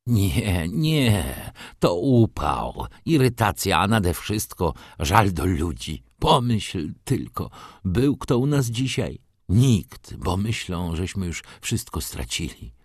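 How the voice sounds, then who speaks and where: A man's voice: low voice, big pitch swings, slow, breathy edge, no room sound, studio quality, exaggerated voice. A man voicing an agitated, tearful elderly nobleman father in an audiobook reading. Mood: plaintive. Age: older. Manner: emotional, exclaiming, breaking into tears.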